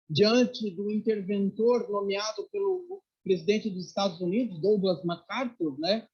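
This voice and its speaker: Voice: medium pitch, husky. A speaker, telling religious stories in a sermon and acting out the voices of the people in them. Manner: animated storyteller who acts out quoted voices and often adds "né?". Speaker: religious lecturer. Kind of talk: storytelling sermon. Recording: dull lo-fi recording.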